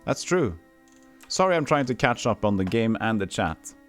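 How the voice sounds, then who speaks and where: Soft music plays as a Texan with no regional accent streams a retro game, casually narrating, reading game text out loud, and replying to viewers. His voice sits lowish, sing-song and fairly bright, at a moderate pace.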